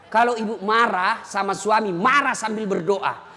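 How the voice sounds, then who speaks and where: A male preacher delivers a comic sermon with a strikingly high, piercing voice. He teases the crowd and often shouts his punchlines. His words ring out into a large hall with a long, trailing reverb. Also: moderate pace. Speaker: Islamic preacher. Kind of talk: humorous sermon to a live audience.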